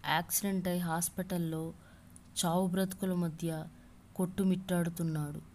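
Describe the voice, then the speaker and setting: A woman's voice: on the low side, little pitch movement, normal speed, a little mellow, a little hiss or hum, close to an everyday voice. A woman voicing a blunt, worried young wife who speaks sharply and directly. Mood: stern.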